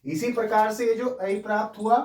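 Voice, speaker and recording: A man's voice: high voice, fairly even intonation, normal speed, a little mellow. A man teaching a lesson, explaining step by step as he writes on a board, saying each sound aloud and repeating it. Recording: echoey room, voice from a distant mic.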